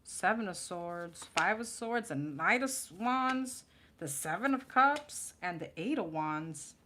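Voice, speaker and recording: Brief: woman, New York accent, live tarot reader, blunt and sassy, mid pitch, audible background noise. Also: expressive, takes it slowly, bright, forceful tone. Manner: blunt, sassy, laughing and chatty.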